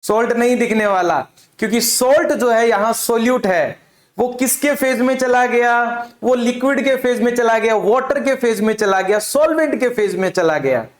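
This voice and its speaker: A man's voice: very high voice, normal speed. A man teaching a chemistry lesson, asking his own questions and answering them, repeating key terms. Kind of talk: classroom lecture with demonstration. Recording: echoey room.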